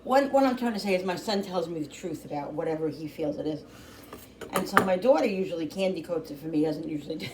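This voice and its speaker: Middle-aged mom, cooking vlog host; chatty and rambling, slightly low voice, faint room hum behind. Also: female voice, lively intonation, fast. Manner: rambling, chatty, with many restarts. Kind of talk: casual chat while cooking.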